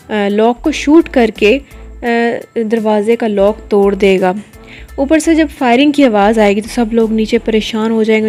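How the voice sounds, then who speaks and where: A woman reviewing a drama episode, retelling the plot to her viewers in a steady storytelling manner with occasional hesitations. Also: medium pitch.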